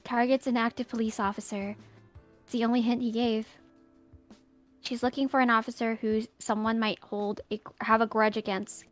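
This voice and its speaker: A woman's voice: a little high, little pitch movement, moderate pace, soft background music. A woman streamer playing a visual novel, chatting playfully, joking and reading the game lines aloud. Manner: playful, giggly, jokes about herself.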